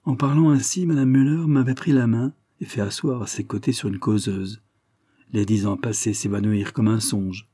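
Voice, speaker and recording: A man narrating a classic novel in the first person in a measured, even storytelling manner. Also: on the low side, husky, no room sound, clean studio sound. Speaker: audiobook narrator.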